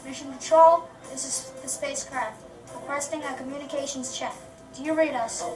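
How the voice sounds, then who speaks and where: A woman's voice: high voice, moderate pace. A woman making a radio call from a spacecraft in a formal sci-fi communicator manner. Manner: formal radio protocol, ends with over. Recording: echoey and distant, with music.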